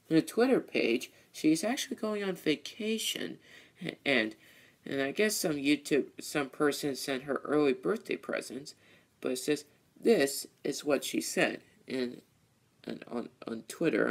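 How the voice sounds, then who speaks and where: A man hosting a casual, rambling vlog, halting and repeating his phrases as he goes. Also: medium pitch, lively intonation. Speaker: video host, toy train hobbyist.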